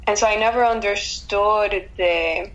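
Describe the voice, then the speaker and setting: A woman's voice: medium pitch, a little slow, fairly bright tone, highs cut off. A woman in her twenties from Miami, speaking thoughtfully as an interview guest, with frequent fillers and light laughter. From Miami, United States. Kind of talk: casual interview conversation.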